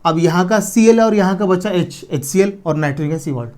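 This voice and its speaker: Mellow-voiced chemistry teacher. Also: male voice, sits high. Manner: explains step by step, asks the class then answers himself; slows down to spell out formulas. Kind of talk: exam-prep chemistry lecture.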